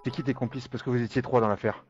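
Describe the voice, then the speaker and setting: A man acts out a threatening criminal interrogator in an improvised role-play. He speaks quickly at a medium pitch, curt and demanding, repeating himself. The audio is dull. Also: fairly even intonation, a little mellow, faint music behind, close to an everyday voice. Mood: probing.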